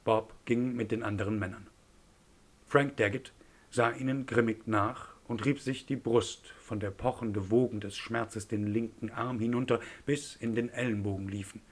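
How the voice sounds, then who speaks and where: A man narrating an audiobook in a measured storytelling delivery. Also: on the low side, fairly even intonation.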